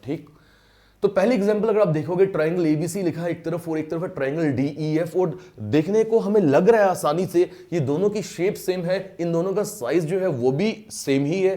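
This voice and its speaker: A male maths teacher with a mellow, rather high voice gives an online lecture, explaining step by step and repeating key terms. He mixes in English phrases, drawing them out when stressed, and often checks that students are following.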